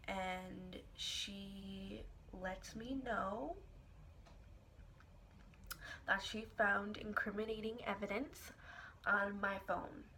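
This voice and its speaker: A young woman recounts an embarrassing story to her camera in a casual storytime vlog. She tells it dramatically and expressively, swearing freely and scattering her speech with filler words. Her voice sits at an ordinary middle pitch. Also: bright, forceful tone, a little hiss or hum. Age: young adult. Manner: casual, profane, filler-heavy. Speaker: vlogger.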